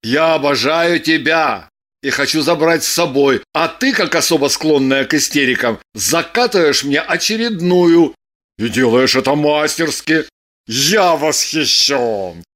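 A woman reading an audiobook voices a calm, firm man who teases his lover with dry mockery. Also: low voice, measured pace, pitched below the performer's own voice. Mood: coolly mocking. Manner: calm, firm, dryly mocking. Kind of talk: audiobook character voice.

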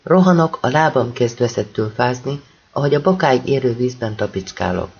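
A man reads a first-person story aloud with urgent intensity. His voice is husky and sits at an ordinary pitch. The recording sounds a little dull and muffled. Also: animated. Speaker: audiobook reader. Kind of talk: first-person audiobook narration.

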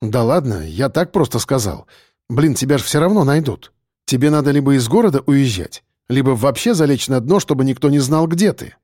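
A man playing a gruff but well-meaning male gym teacher, grumbling and placating. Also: mid-range voice, animated, fairly quick, a little mellow, dry recording, studio quality, close to an everyday voice.

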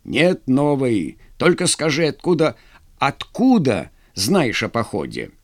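A man's voice: medium pitch, wildly swooping pitch, takes it slowly, dry recording. A man voicing a young, beardless Cossack officer who speaks in a spirited, confident way, recorded dry and close.

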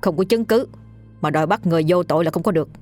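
A woman voicing an arrogant male suspect who speaks loud and defiant. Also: lowish voice, very fast, soft background music, close to an everyday voice.

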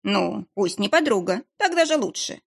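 A woman's voice: mid-range voice, very animated, normal speed, creaky, slightly rough, exaggerated voice. A woman voicing a menacing, mocking round-faced man interrogating two captives. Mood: mocking menace. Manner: mocking, threatening.

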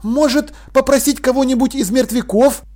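A man's voice: very high-pitched, moderate pace, dark tone, pitched above the performer's own voice. A man voicing a cheerful, curious young male apprentice who chatters with open enthusiasm, in an audiobook.

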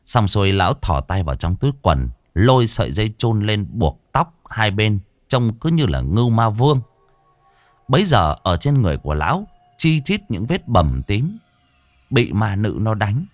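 A man's voice: lowish voice, big pitch swings, normal speed, no room sound. A man narrating a horror story in a dramatic, suspenseful way.

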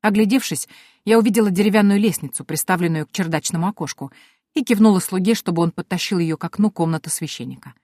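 A woman reads a first-person story as an audiobook, with a lively, expressive delivery. Her voice sits a little low. The sound is dry and close to the mic. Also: quick pace, no room sound. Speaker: audiobook narrator.

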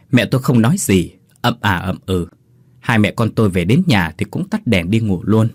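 A man reading a ghost story aloud in an expressive storytelling manner. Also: lowish voice, breathy edge, dry recording, studio quality. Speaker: narrator. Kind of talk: scripted ghost story narration.

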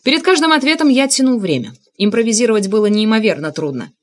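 A woman narrating a first-person audiobook in an even, measured reading style. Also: fairly high pitch.

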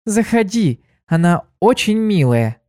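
A man reading aloud, voicing a gentle young female pegasus pony in a raised, soft voice. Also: sits high, very animated, unhurried, no room sound, clean studio sound, voice pushed up.

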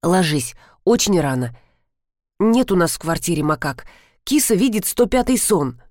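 A woman reading an audiobook, voicing an adult husband who is calm and easily amused. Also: fairly low pitch, moderate pace, no room sound, clean studio sound. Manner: calm, then laughing.

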